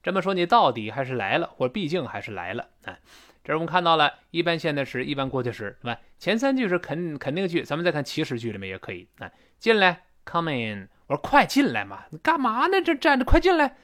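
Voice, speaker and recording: Man, English pronunciation teacher, lively swooping intonation, slightly high voice, repeats example phrases slowly. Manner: explains in a lively, rising-and-falling teacherly voice. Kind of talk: recorded spoken-English lesson.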